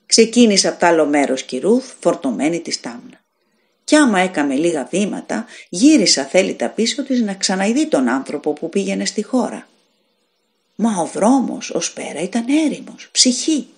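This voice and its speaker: A woman who reads audiobooks, narrating a fairy tale in an expressive storytelling way. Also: on the low side. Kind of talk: scripted narration.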